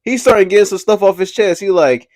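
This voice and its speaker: A young man hosting a casual commentary video, animated and slangy, laughing often as he talks. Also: sits high, fast talker, dry recording. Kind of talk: casual pop-culture commentary.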